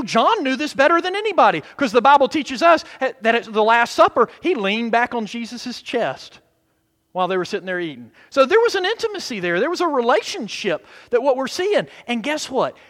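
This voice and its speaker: A man preaching a sermon like a TV preacher, emphatic, moving between hushed asides and loud declarations and checking in with his congregation. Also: very high voice. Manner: seeks affirmation from congregation with short questions. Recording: long hall reverb.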